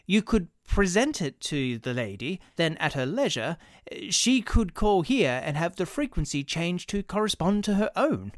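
A man's voice: sits high, sing-song, normal speed, dry recording, clean studio sound, pitched above the performer's own voice. A man voicing an eager, fawning male shop clerk who hesitates and pleads.

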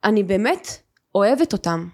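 A young woman hosting a podcast, telling her own story with feeling and acting out the voices of the people in it. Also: medium pitch. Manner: animated, acts out quoted voices. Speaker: podcast host. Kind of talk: emotional personal storytelling.

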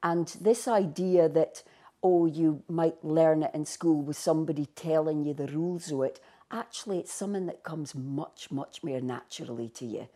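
A woman's voice: deep voice, normal speed, dark tone. A woman with a North East Scottish Doric accent, a researcher explaining emphatically in an interview. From Buckie, North East Scotland. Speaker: language researcher.

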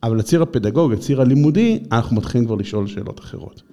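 A man's voice: medium pitch, animated, mellow. A man explaining conversationally like a teacher, posing questions and stressing key words. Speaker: school educator and guest.

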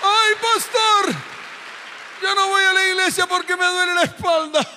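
Whiny churchgoer full of excuses, put on by a preacher, squeaky high, echoey hall. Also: male voice, flat delivery, a little slow, sharp tone, some chatter behind, a little hiss or hum, heavily acted. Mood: whining. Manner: high, shrill complaining.

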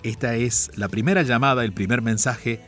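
A man hosting an advice call-in radio show, speaking in a calm, reflective and measured way. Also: mid-range voice, loud music behind the voice. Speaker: radio host and life counselor.

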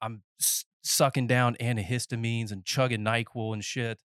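A man's voice: medium pitch, level tone, normal speed, fairly bright tone, no echo, studio quality. A man in his thirties hosting a casual podcast interview, a little nasal and congested, rambling and joking as he talks. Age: 30s. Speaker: podcast host. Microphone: headphones and podcast mic.

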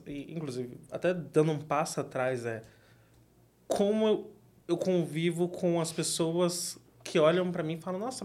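A young man from Brazil with a São Paulo accent, talking casually as an interview guest, relaxed and quick to laugh. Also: a little high. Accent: São Paulo Portuguese. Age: young adult.

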